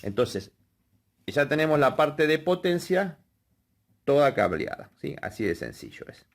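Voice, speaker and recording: A man's voice: on the high side, very animated, unhurried, vocal fry. A man teaching a hands-on wiring lesson, explaining step by step and often checking in with the viewers. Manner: explanatory, checks in with frequent "¿sí?" and "fíjense". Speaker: electrical workshop instructor.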